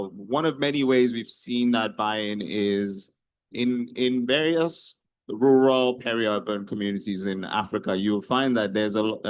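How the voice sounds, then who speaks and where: A man's voice: lowish voice, clean tone, no room sound. A man with a Nigerian Yoruba accent giving a considered answer as a panelist in a discussion.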